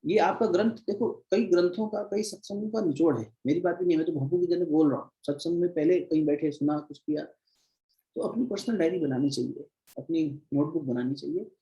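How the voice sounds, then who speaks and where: A man's voice: a little high, a little fast, mellow, dull audio. A man teaching at a devotional gathering, telling parables and repeating phrases for emphasis. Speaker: spiritual teacher. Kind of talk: devotional discourse.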